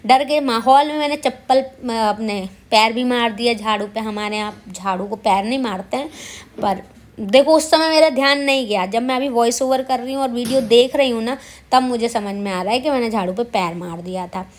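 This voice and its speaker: A woman's voice: fairly high pitch, moderate pace. A woman vlogger narrating her day in a chatty, self-mocking voice-over, speaking straight to her viewers. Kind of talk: casual vlog voice-over.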